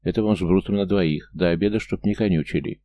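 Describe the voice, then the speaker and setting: A man's voice: sits low, fast, mellow, natural voice. A man voicing a bossy male service robot in a storybook reading, curt and matter-of-fact.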